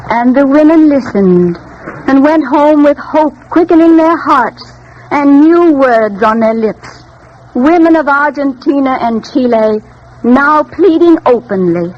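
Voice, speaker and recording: A woman's voice: high voice, lively intonation, unhurried. A woman narrating a 1930s radio drama in an earnest, declamatory way, with the sound of an old-time radio broadcast. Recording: muffled 1930s radio recording with faint hiss.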